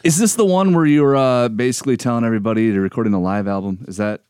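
A man's voice: medium pitch, quick pace, a little mellow, clear, resonant tone, no room sound, clean studio sound. A man from Wisconsin hosting a podcast, chatting in a laid-back way and swearing casually. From Wisconsin, American Midwest.

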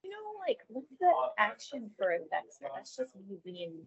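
A woman chats upbeat on a podcast, cheerfully calling herself a nerd. Her voice is mid-pitched and a little husky. The sound is dull and lo-fi. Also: big pitch swings, normal speed, no echo. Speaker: podcast co-host. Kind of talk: casual chat.

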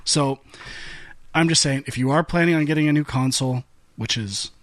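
A man's voice: on the high side, normal speed, a bit bright, no room sound. A man co-hosting a gaming podcast, arguing in a fired-up, ranting way with stumbling restarts. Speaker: podcast co-host. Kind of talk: heated casual debate.

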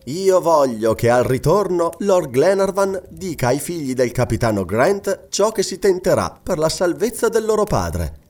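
A man voicing a gentle noble lady who speaks in a calm, measured, reassuring way, in an audiobook. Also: a little high, voice pushed up. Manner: measured, soothing. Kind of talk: audiobook reading.

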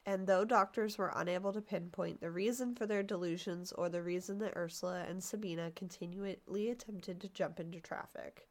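Telling a disturbing tale on a podcast she co-hosts, this woman speaks briskly in a lowish voice, barely pausing. She's casual and animated, tripping over her words and performing the quoted lines.

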